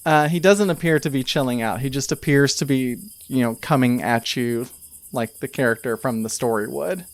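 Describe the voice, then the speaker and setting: Here a male game master makes up a tabletop story as he goes, speaking in a mid-range voice. The narration comes out halting and chatty.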